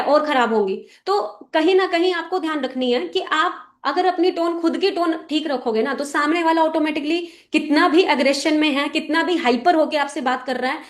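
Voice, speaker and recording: Brief: a woman with a high voice leads a team meeting, firm and instructive, often checking everyone is following. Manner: direct and instructive, often checking listeners understand. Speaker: team leader addressing a business meeting. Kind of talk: motivational talk to a sales team.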